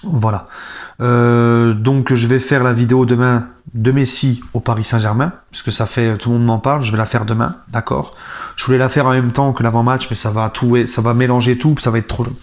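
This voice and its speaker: A man's voice: medium pitch, steady tone, a little fast. A man in his thirties hosting a football fan video, talking casually in a subdued, grieving way that turns into indignant ranting. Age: 30s. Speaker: football fan channel host. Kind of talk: casual vlog monologue.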